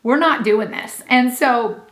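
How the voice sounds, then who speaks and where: A woman's voice: a little high, slow, a bit bright, roomy sound. A young woman telling a personal story in a casual vlog, chatty and laughing, with lots of fillers and quoted asides. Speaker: vlogger.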